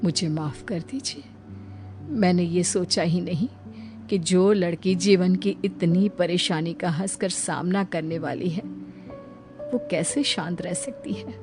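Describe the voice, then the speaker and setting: A woman's voice: fairly low pitch, fairly even intonation, slow, long pauses, music in the background. Woman playing a curt, stern mother-in-law. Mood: apologetic. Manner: curt, clipped commands. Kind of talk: audio story acting.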